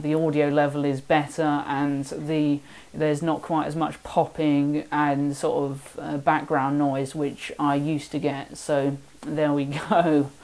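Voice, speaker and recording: Chatty seventeen-year-old southern English lad. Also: male voice, a little high. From south of England. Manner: chatty, rambling, self-deprecating. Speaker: woodworking vlogger. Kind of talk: casual vlog voice-over. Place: home workshop.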